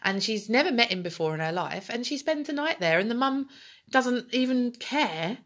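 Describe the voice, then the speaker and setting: A woman's voice: on the high side, animated, normal speed, fairly bright tone. A woman co-hosting a podcast, telling a story in a chatty, emphatic way. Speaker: podcast co-host. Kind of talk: casual chat.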